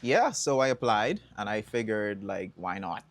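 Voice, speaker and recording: A Bahamian man telling stories as an interview guest, relaxed and chatty, with bursts of excited whoops. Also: fairly low pitch, normal speed, no echo. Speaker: songwriter and environmental advocate guest. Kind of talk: casual interview answers.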